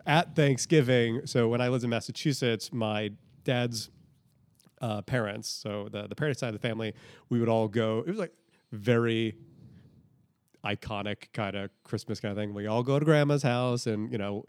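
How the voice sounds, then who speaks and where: A man in his thirties, chatting casually on a podcast, animated and rambling with many restarts. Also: medium pitch, normal speed, clear, resonant tone, no room sound, clean studio sound. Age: 30s. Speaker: podcast co-host. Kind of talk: casual chat.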